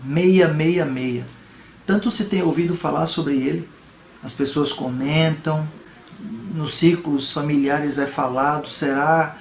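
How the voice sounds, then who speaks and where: A pastor from Salvador, Brazil, preaches a sermon on home video, earnest and emphatic, often posing rhetorical questions. His voice is a bit high for a man, his intonation fairly even, and his pace slow. The room echoes, with faint noise in the background.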